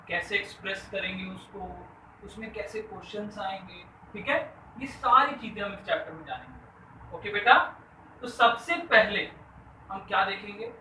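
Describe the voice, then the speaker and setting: A man's voice: high-pitched, bright, forceful tone. A man teaching a school math lesson, asking the class questions and answering them himself, mixing English math terms into his talk. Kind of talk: classroom lesson explaining to students. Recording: echoey room, voice a bit distant from the mic, faint background noise.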